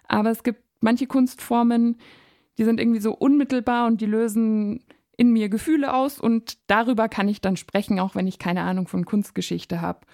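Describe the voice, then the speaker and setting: A woman presenting an arts segment and interviewing two artists in a calm, measured way. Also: medium pitch, dry recording, studio quality. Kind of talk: radio feature and interview.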